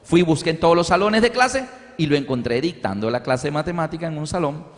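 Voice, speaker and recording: A man's voice: on the high side, animated, a little fast. A man, a pastor preaching and telling a story, who asks his audience questions as he goes. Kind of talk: sermon with storytelling. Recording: reverberant hall with faint music.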